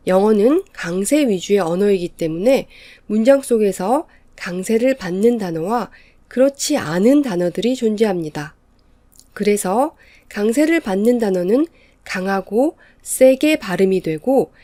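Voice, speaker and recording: Measured woman teaching in a dry, mellow voice. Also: medium pitch, dry recording. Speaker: English teacher. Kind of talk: scripted lecture narration.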